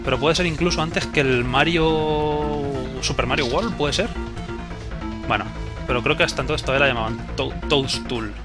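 A young gamer with a Spain Spanish accent does live let's play commentary on the video game he's playing. His voice is on the high side and his speed normal, and he's casual and jokey, swearing freely over video game music.

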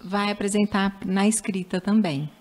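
A woman's voice: medium pitch, normal speed, a little mellow. A Brazilian woman speech therapist answering interview questions, patiently explaining child language development. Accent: Brazilian Portuguese. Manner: patient, explanatory, acts out parents' baby talk.

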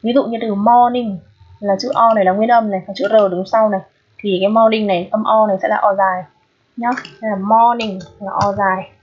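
A woman teaching an English pronunciation lesson. She explains patiently and keeps checking in with her students through quick questions. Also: medium pitch, steady tone, slightly rough. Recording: dull lo-fi recording.

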